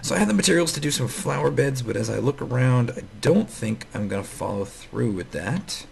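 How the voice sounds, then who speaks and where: A man's voice: medium pitch, expressive, brisk, gravelly, darkish tone. A man with a scratchy morning voice giving casual, rambling gameplay commentary full of fillers and restarts. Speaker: Minecraft let's player.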